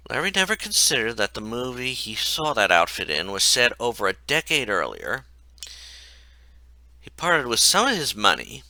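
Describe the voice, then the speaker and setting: A man's voice: on the low side, bright, forceful tone, no echo. A man reading his own comic story aloud in a wry, mocking way.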